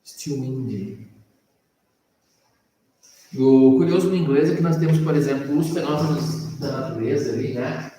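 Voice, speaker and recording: A man's voice: mid-range voice, moderate pace, long pauses, dark tone, a little hiss or hum. A man with a Brazilian Portuguese accent teaching English one-on-one. He explains patiently and keeps checking that his student understands. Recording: echoey room, mic at a distance.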